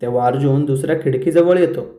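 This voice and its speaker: A man hosting a serial review, retelling the episode scene by scene in a brisk storytelling manner. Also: medium pitch, mellow. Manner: brisk storyteller who briefly lifts his voice for quoted lines. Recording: roomy echo.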